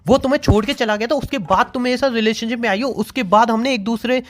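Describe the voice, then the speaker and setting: A man's voice: extremely high pitch, quick pace, fairly bright tone. A young man, pleading and arguing heatedly with his partner in a prank vlog, close to tears. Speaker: boyfriend in a prank video. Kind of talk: emotional couple prank vlog.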